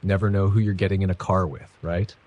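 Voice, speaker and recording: Gravelly middle-aged trucker, sinister, low husky voice, read by a man, horror audiobook. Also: fairly even intonation, a little fast, darkish tone. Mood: ominous.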